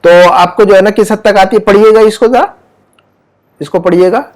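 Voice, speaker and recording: A man's voice: high-pitched, fairly even intonation. Patient man teaching Arabic words. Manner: patient, repeats words and checks with "है ना?"; stretches Arabic words slowly to model sounds. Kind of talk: language lesson with a student.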